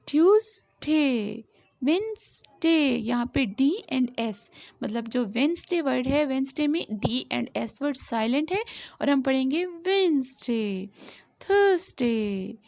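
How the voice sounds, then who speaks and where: A woman teacher with a Pakistani accent, slowly sounding out letters in a phonics lesson for young children and patiently addressing the child. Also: high voice, darkish tone, no echo.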